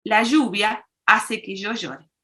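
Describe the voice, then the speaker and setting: A woman's voice: medium pitch, slow, a bit bright. A woman voicing a tearful grown man who blames the rain for his sadness, speaking plaintively. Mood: sorrowful.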